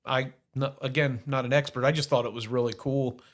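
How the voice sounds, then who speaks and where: A man's voice: mid-range voice, fairly even intonation, fairly quick. Rambling middle-aged man, casual chat. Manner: rambling, self-correcting, laughs easily. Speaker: podcast host.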